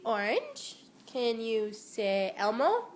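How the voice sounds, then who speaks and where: A woman with a higher-pitched voice records at home, prompting her little one word by word. She talks unhurriedly and speaks each word with care. She keeps a patient, coaxing tone. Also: big pitch swings, slight background noise. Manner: patient, coaxing, repeats words slowly and clearly. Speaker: mother. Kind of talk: home video, coaching a toddler.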